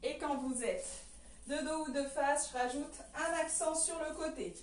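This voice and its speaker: A woman leads a belly dance class, explaining each move and calling the counts aloud as she dances. Her voice sits high and she talks at an unhurried pace. She is recorded from a distance in an echoey room. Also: slight background noise. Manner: counts and calls steps aloud while dancing. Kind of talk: online dance lesson. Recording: roomy echo, distant from the mic.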